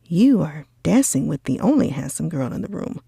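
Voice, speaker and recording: A woman voicing a proud, cold young gentleman in a breathy ASMR role-play of a classic storybook. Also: low-pitched, sing-song, normal speed, dry recording, studio quality, exaggerated voice. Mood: cold disdain.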